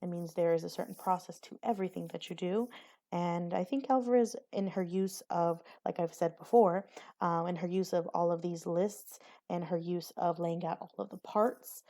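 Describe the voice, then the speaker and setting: Young woman doing a class presentation, lots of ums and restarts, lowish mellow voice. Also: steady tone, normal speed. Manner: hesitant, many fillers and restarts. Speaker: student presenter.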